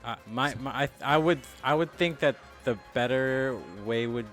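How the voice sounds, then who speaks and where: A man's voice: medium pitch, normal speed, a bit bright, faint music behind. A man co-hosting a casual podcast, asking questions and cracking jokes while playing a game. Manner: inquisitive, joking, giggly. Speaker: podcast co-host. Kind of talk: casual chat while gaming.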